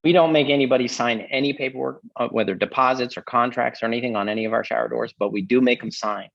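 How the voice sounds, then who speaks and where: A man who runs a shower door business, talking casually on a livestream panel and telling animated stories about customers. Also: fast talker, gravelly, dry recording, dull audio. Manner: animated storyteller, mimics customers in a high voice. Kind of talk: casual shop talk.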